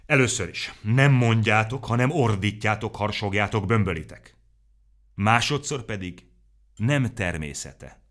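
A man voicing a calm, sensible storybook hero who talks in a measured, matter-of-fact way. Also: fairly low pitch, voice pushed up, natural voice. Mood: firm. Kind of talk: storybook reading.

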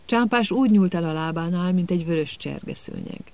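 Gravelly man narrating a storybook. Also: sits high, animated, darkish tone. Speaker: audiobook narrator. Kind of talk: scripted narration.

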